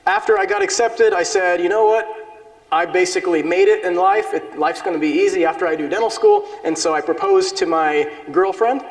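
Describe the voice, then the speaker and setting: A high-pitched, slightly fast voice belongs to a lecturer and dental implant surgeon, born in Peru and raised in America, whose accent is American. He shares personal anecdotes in a casual, self-mocking lecture before an audience indoors. The long reverb of the hall makes it echoey.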